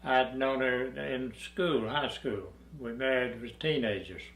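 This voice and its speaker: An elderly man from Arkansas tells stories from his life at an easy pace, dry and wry, chuckling now and then. His voice sits at a middle pitch and carries a roomy echo in the room. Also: fairly bright tone. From Arkansas, USA. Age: 80s. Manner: dry, unhurried storytelling with chuckles. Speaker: interviewee. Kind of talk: reminiscing interview. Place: dark studio backdrop, indoors.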